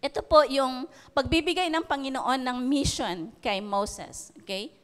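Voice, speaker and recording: Her voice sits high and a bit bright with lively intonation as this Filipino-accented woman preaches a little slowly, the sound suggesting a big room. Reading from scripture, she keeps checking in with the congregation using "okay?" and "di ba?".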